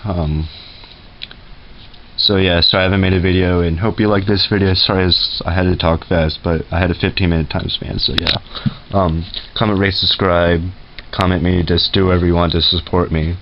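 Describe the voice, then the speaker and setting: A man's voice: low voice, fairly even intonation, moderate pace. A man casually showing off his game collection in a room at home, hesitant and full of fillers and self-corrections. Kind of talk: casual show-and-tell vlog. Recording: dull lo-fi camera audio with loud noise.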